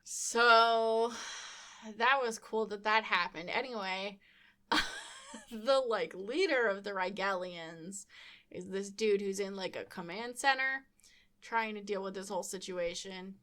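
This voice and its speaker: A woman's voice: medium pitch, a little slow, a bit bright. A young woman hosting a podcast, recapping a comic book casually with frequent laughter and wry asides. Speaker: podcast host.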